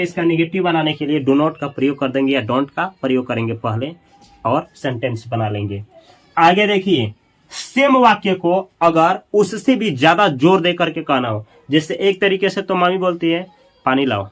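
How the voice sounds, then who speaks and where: A man teaching an English grammar lesson in Hindi, repeating each example slowly and asking his students questions. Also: fairly high pitch. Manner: acts out commands with louder emphasis.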